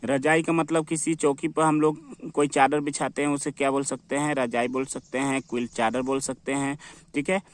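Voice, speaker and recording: A man teaching an English vocabulary lesson. He keeps asking questions and answering them himself, and repeats each word slowly. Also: mid-range voice, flat delivery, no room sound. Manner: repetitive, asks and answers his own questions. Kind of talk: classroom-style vocabulary lesson.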